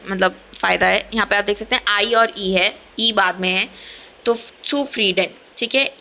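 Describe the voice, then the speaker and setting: Woman teacher, casual lesson, patient, repeats herself, mid pitch, slightly muffled lo-fi sound. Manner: patient, repeats "theek hai" often. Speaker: language teacher. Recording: slightly dull lo-fi audio.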